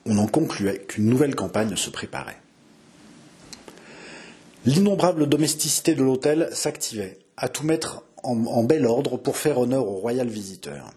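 A man narrating a classic novel as an audiobook, in a measured, expressive storytelling manner. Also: medium pitch, breathy edge.

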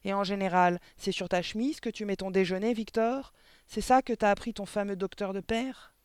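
A man's voice: high-pitched, steady tone, normal speed, smooth, no echo, voice pushed up, close to an everyday voice. Man putting on a barking tyrannical headmistress. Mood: sneering. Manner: barking, contemptuous shouting. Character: huge furious tyrannical headmistress barking at children.

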